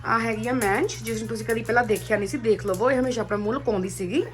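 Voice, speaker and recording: A woman's voice: a little high, steady tone, very fast. A woman vlogger chatting casually to her viewers, slipping English phrases into her talk. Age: adult, a mother of children. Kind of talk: casual vlog chat.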